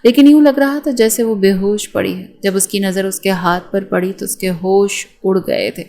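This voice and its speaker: Reading a romance novel aloud, this female audiobook narrator uses a mid-range voice and keeps her storytelling steady.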